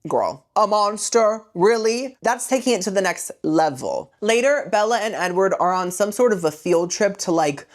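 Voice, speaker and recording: A woman's voice: medium pitch, expressive, moderate pace, hardly any pauses. A woman hosting a comedic movie retelling podcast, full of sassy, rambling asides. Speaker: host.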